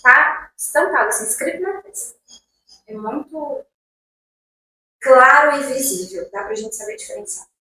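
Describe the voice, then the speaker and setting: A woman's voice: high voice, normal speed, long pauses, pushed and bright, a little hiss or hum. A woman in casual chat on a podcast, speaking emphatically and firing off rhetorical questions. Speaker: podcast co-host. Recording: echoey room, voice far from mic.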